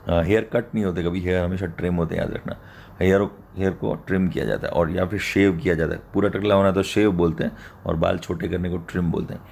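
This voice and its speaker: A man with a Gujarati accent, teaching as an English teacher, who reads a story slowly line by line and explains each line in lively Hindi. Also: deep voice, vocal fry, a little hiss or hum.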